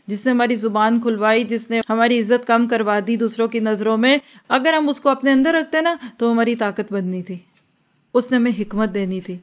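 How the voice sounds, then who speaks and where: Female religious teacher, earnest and explanatory, mid-high voice, dull lo-fi recording. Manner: earnest, explanatory, acts out quoted dialogue; mixes English words into her speech. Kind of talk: Islamic lecture.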